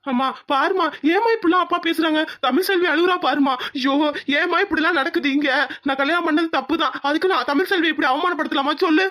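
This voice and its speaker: A woman's voice: high voice, fast, few pauses, a bit bright. A woman playing a distressed young husband. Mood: anguished. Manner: anguished, pleading. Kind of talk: cartoon voice acting.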